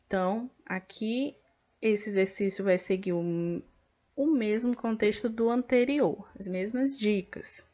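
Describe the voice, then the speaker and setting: A woman teacher with a Brazilian Portuguese accent, patiently walking pupils through a workbook and sounding out each word clearly. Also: medium pitch, a little slow, mellow. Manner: patient, over-articulates words to count syllables. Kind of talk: slow classroom explanation of an activity book.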